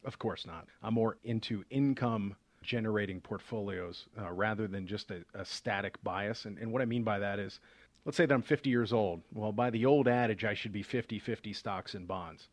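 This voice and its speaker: A man's voice: lowish voice, normal speed, no room sound. A man, a financial advisor hosting a radio show, explains investing in a conversational way, with many fillers and restarts. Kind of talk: casual explanatory radio talk.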